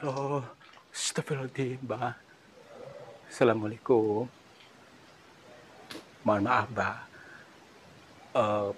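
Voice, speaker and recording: A man on a cave exploration vlog, talking in a hushed, nervous way and muttering prayers. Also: mid-range voice, a little hiss or hum.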